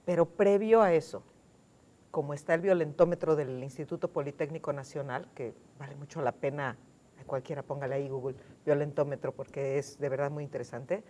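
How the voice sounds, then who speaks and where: Emphatic Mexican woman, low voice. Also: mellow. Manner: emphatic, repeats key words, slows to stress points. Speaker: panel guest. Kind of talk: studio panel discussion. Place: television studio.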